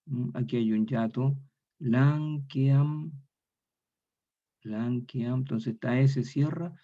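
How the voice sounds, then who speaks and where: The speaker is a university lecturer whose voice is medium in pitch, gravelly and dark in tone. He lectures methodically and repeats each example word aloud, and the recorded lecture sounds dull and lo-fi.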